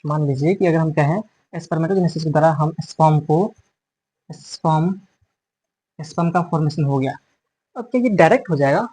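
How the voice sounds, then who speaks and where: Husky-voiced male biology teacher. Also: fairly high pitch, normal speed, pauses often, darkish tone, rough recording. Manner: repeats and corrects terms while explaining; mixes English terms into Hindi. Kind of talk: explanatory classroom lecture.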